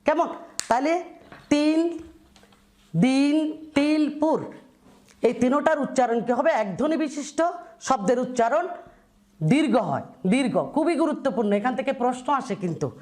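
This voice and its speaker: A woman's voice: high voice, lively intonation, brisk, darkish tone. A woman teaching a school class, who repeats key words and keeps checking that her students understand. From Bangladesh. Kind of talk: classroom lesson.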